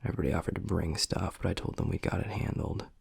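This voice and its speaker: Talking fast with fairly even intonation, a man performs a heavily acted werewolf alpha in a close, quiet boyfriend roleplay. The voice is deep, heavily creaky, husky, gravelly, breathy and darkish, his matter-of-fact bluntness hiding a protective, tender streak. The close, dry recording has no echo.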